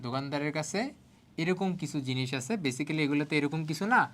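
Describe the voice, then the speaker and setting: A man in his twenties from Bangladesh, a biology tutor teaching an online exam-prep lesson. He talks fast and chatty, mixes in English words, and keeps checking that students follow. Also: fairly high pitch, fairly bright tone.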